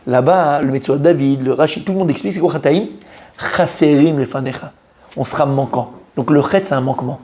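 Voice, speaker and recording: A man teaching a Torah class in French, an animated teacher who quizzes his students, repeats key points and mixes in Hebrew terms. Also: a little high, brisk.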